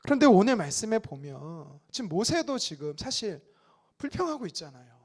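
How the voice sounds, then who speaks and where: Lively high-voiced male pastor preaching. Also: moderate pace, husky. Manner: conversational preaching, acts out complaining voices. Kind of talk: sermon. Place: church sanctuary.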